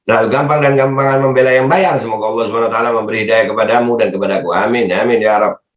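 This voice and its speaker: A man giving casual, mocking commentary while he reads out comments. His voice leaps up high when he teases, and he laughs often. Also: fairly even intonation, racing, echoey room. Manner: mocking, laughs often, pitch jumps up sharply. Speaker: political commentary vlogger reading comments. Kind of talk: casual Jakarta-slang commentary.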